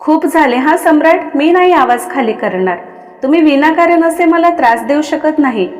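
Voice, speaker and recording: A woman's voice: a little high, measured pace, warm tone, in a large hall, close to an everyday voice. A woman voicing a young wife who is hurt, flustered and exasperated, speaking in a raised, plaintive tone.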